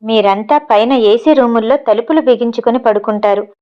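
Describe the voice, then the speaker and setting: A proud young woman cook in a storybook reading, voiced by a woman, answering back bluntly and matter-of-fact. The voice sits fairly high. The recording sounds dull and lo-fi. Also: moderate pace, close to an everyday voice. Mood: defiant. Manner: cutting, matter-of-fact retorts.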